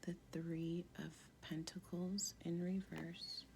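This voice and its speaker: Female tarot reader, sultry and husky smoker's tone, heavy vocal fry, soft-spoken, informal, halting delivery. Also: lowish voice, level tone, slight background noise. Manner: halting, informal, with pauses and frequent "like". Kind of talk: casual spiritual tarot reading, soft-spoken.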